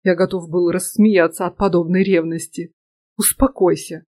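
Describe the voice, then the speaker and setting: Brief: female audiobook reader, warm dark voice, dry close sound. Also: medium pitch, normal speed, dry recording. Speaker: audiobook narrator. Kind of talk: scripted narration.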